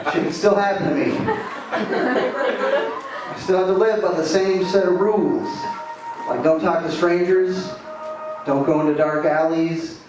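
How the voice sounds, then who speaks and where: A man's voice: sits high, animated, takes it slowly, pauses often, loud music behind the voice. A man in his late twenties from Arizona doing a stand-up comedy set, rambling loosely with lots of filler words. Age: 20s. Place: comedy club stage. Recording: echoey room, voice from far off, audible room noise.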